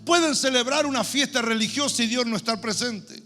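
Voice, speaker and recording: An older man preaches a lively sermon, quizzing his congregation and shouting out the crowd's cries. His voice sits high and rings bright, with faint music underneath. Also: fairly quick. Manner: animated preaching, asks the congregation questions, acts out crowd shouts. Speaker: pastor.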